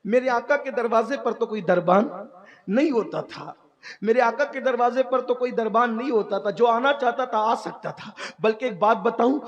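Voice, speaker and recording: A male preacher delivers a story sermon in a high, emotive voice. He repeats phrases and swells and drops his delivery for emphasis. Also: big-room sound. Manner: emotive, repetitive, rising and falling.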